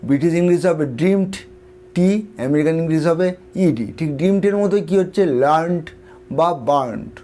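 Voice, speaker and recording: A man's voice: on the high side, a little fast, warm tone. A man with a Bengali accent teaching an English spelling lesson, spelling words out letter by letter and asking and answering his own questions. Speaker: English tutor. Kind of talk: explanatory lesson.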